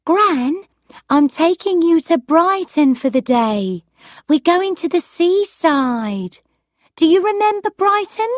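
A woman reading an audiobook, voicing a patient, caring young granddaughter who talks brightly and coaxingly. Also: very high voice, sing-song, takes it slowly, dry recording, studio quality, voice pushed up, full character voice.

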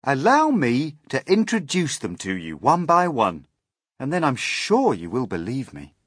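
A man's voice: medium pitch, wildly swooping pitch, unhurried, husky, no echo, clean studio sound, voice pushed up, heavily acted. A man voicing a cheerful, friendly small boy in a children's story, calling out eagerly. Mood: cheerful, reassuring. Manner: calling out brightly.

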